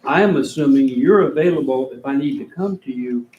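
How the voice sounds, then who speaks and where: A man's voice: medium pitch, a little fast, a little mellow, a little hiss or hum. A man in a training session politely interrupting the instructor to praise a list and ask for help later. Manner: polite, appreciative. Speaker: training participant. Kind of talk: classroom comment. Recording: echoey room, dull lo-fi sound.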